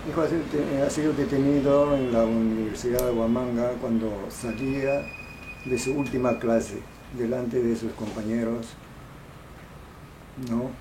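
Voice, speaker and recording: Measured middle-aged father giving testimony. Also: mid-range voice, steady tone, noisy background. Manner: measured, with pauses and fillers. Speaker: father of a detained student. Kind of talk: testimony to camera.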